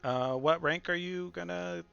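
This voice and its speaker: A man's voice: high-pitched, unhurried, gravelly, bright, forceful tone, clear, resonant tone, highs cut off. A man running a tabletop roleplaying game as game master, moving between rulings and dramatic description. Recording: faint music behind the voice.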